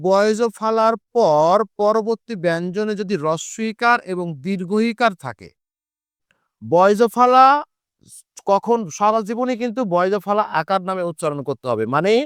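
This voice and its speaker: Man, teacher, high pitch, smooth clear voice, dry close sound, step-by-step explaining, self-answered questions. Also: dry recording. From Bangladesh. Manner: explains step by step, repeats rules, asks and answers his own questions; draws out example words slowly. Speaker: Bangla teacher. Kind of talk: exam-prep lesson.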